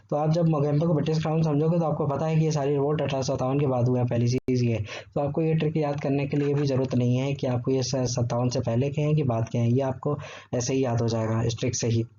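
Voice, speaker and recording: A man's voice: a little high, mellow. A man teaching an exam-prep history lesson, explaining step by step and checking in with the listener often. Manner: explanatory, repeats "ठीक है" often. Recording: dull lo-fi sound with faint background noise.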